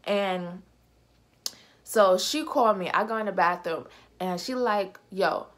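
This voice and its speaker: Animated woman telling a storytime. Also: mid-range voice, measured pace. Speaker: vlogger. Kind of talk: storytime vlog.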